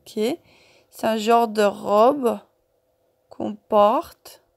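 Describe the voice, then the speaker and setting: Slow, patient woman teaching small children. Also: mid-range voice, fairly even intonation, gravelly. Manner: slow, repeats words and syllables, checks in with "ok?". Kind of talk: slow, patient workbook lesson for young children.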